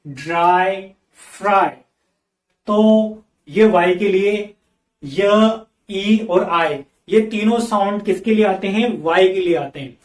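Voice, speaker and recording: A man's voice: high-pitched, darkish tone, roomy sound, far from the mic. A man teaching English sounds step by step, asking questions and answering them himself. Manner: slow, explains step by step, asks and answers his own questions. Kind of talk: spoken English phonics lesson.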